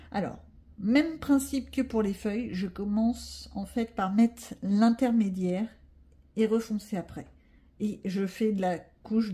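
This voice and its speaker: Woman, French accent, mellow dark voice, chatty, self-mocking, casual tutorial. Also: medium pitch, slight background noise. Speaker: coloring vlogger.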